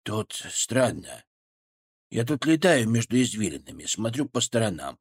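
A man voicing a cheeky, brash male chipmunk in an audiobook, his voice muffled, low and hushed. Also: sing-song, moderate pace, breathy edge. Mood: puzzled. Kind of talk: audiobook reading.

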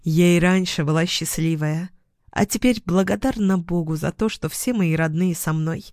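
A woman reading a first-person novel aloud at an unhurried pace, gently expressive. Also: fairly low pitch, no room sound, studio quality. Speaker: audiobook narrator.

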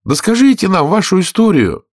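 A man's voice: sits high, big pitch swings, normal speed, no room sound, studio quality, pitched above the performer's own voice. A man voicing a polite, curious young girl in a storybook reading, speaking eagerly in a raised voice. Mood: pleading. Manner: polite, eager, rising questions.

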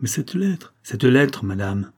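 A man voicing a jealous, furious Hungarian count who bursts out in sharp, accusing shouts. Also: medium pitch, very animated, slow pace, slightly rough, exaggerated voice.

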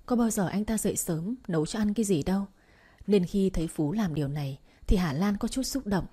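A woman reading a romance audiobook aloud in a calm, even narrating voice. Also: fairly low pitch, breathy edge.

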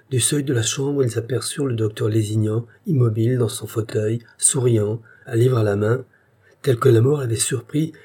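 A man narrating a literary short story in a measured storytelling manner. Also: medium pitch, dark tone, breathy edge.

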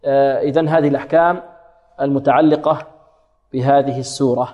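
A man teaching Quran recitation rules, asking questions, answering them himself, and drawing words out slowly to demonstrate. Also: medium pitch, fairly even intonation, warm tone, long reverb tail, muffled recording. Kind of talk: tajweed lesson with demonstrated recitation.

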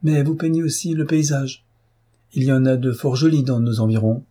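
A man doing a fussy old baroness, higher voice. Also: steady tone, moderate pace, dark tone, breathy edge, lightly acted. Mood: gracious. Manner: fussy, affected politeness. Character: gracious chatty elderly aristocratic baroness.

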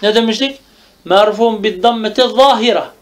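A man with a high voice teaches a traditional grammar text to a student. He recites short Arabic phrases and then restates them in Turkish. He keeps checking understanding with quick questions. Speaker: religious teacher. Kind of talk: classical Arabic grammar lesson.

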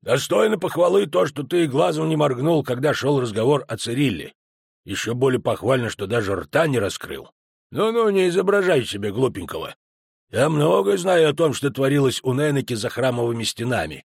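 A man's voice: medium pitch, lively intonation, normal speed, gravelly, husky, no echo. A man voicing a blunt male dwarf soldier who talks in a dry, knowing way in an audiobook.

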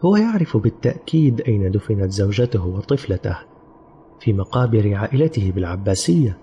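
Low dark-toned guy narrating a grim audio story, lots of movement in his voice, bit muffled. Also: big pitch swings, a little fast, a little hiss or hum. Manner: grave storytelling, sometimes voicing characters. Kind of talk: dramatic scripted narration.

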